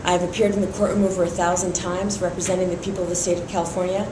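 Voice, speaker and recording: Running for district attorney, this Iranian-born, San Francisco-raised middle-aged woman gives a steady endorsement interview full of fillers. She talks at a racing pace in a lowish, flat voice, recorded in a roomy space with background noise.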